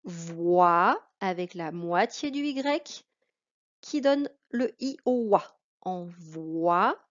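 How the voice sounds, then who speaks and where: A woman with a French accent teaching a reading lesson to a child, speaking slowly and carefully. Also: medium pitch, fairly even intonation. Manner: slow, careful, addressing a child. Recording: dull lo-fi recording.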